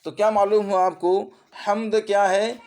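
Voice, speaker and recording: A man teaching an exam-prep Urdu grammar lesson with an Urdu accent as spoken in India, repeating terms and asking his students quick checking questions. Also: sits high, flat delivery, darkish tone.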